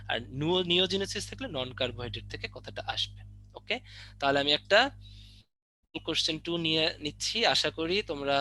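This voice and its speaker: A man's voice: fairly high pitch, pushed and bright, no echo. A young man teaching a biology exam-prep lesson online, drilling questions and teasing students with mock threats. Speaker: biology tutor.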